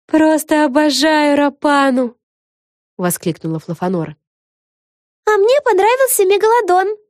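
A woman narrating a children's storybook in an expressive, lively way. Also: on the low side, no room sound, studio quality. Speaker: audiobook narrator.

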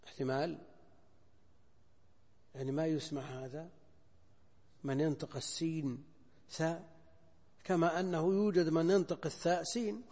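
An older man, a scholar, explaining a hadith text in a lecture. He speaks deliberately, repeating phrases and weighing options aloud. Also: on the high side, fairly even intonation, a little mellow. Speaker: Islamic scholar teaching hadith. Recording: lecture hall with long reverb.

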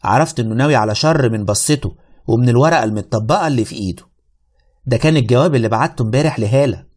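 A man with an Egyptian accent narrating a radio drama in the first person, with wry, lively storytelling. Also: mid-range voice, rapid-fire.

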